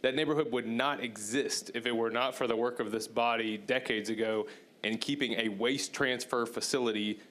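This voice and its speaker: A councilman speaks in support of a bill. His voice is a middle-pitched male voice with a measured, earnest delivery. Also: fairly even intonation, fairly bright tone. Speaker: council member. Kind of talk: formal council remarks.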